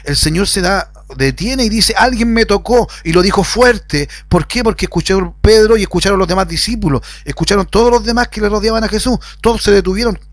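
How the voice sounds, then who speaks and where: A man preaching a sermon, swinging between loud emphatic rises and quiet lowered phrases. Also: brisk, hardly any pauses, dry recording. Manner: preaching with sudden rises and drops in pitch. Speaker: pastor. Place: at home.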